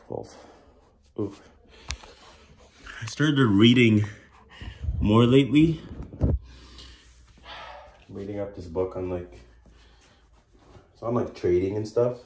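Low-voiced young man doing push-ups, echoey room. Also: creaky, darkish tone. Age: young adult. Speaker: fitness challenge vlogger. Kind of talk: casual self-talk vlog. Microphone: phone camera, at arm's length or propped nearby.

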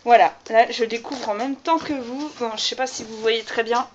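A woman talks casually to her viewers while she opens a box of her own books, her voice a little high. She leans on fillers and pauses, and the home-video sound is dull and lo-fi. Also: fairly even intonation, noisy background. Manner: chatty, many fillers like "voilà" and "euh". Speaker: author unboxing her own book. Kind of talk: casual vlog chat.

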